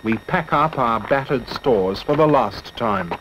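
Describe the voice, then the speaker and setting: Man, nature documentary narration, scripted, measured literary storytelling, mid-pitched, muffled vintage film track, slight background noise. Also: lively intonation, fairly bright tone. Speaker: documentary narrator and expedition member. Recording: dull lo-fi old film soundtrack with hiss.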